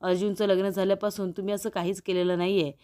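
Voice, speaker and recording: A woman voicing a caring middle-aged wife in a serial recap, gentle and coaxing. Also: mid-range voice, little pitch movement, fast, clear, resonant tone, lightly acted.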